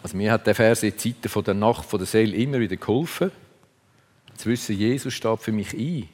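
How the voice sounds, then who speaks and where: A man's voice: fairly low pitch, a little fast, darkish tone. A man preaching a sermon, earnest and reflective, speaking in short phrases. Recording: long reverb of a large hall.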